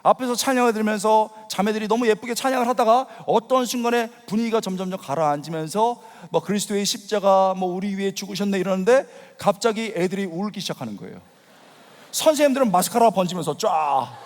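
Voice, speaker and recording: Brief: middle-aged male pastor, high and very expressive voice, big church reverb. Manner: animated storytelling, acting out his younger self with sudden loud outbursts. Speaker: pastor preaching at a youth worship rally. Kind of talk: sermon. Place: large church sanctuary. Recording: long hall reverb.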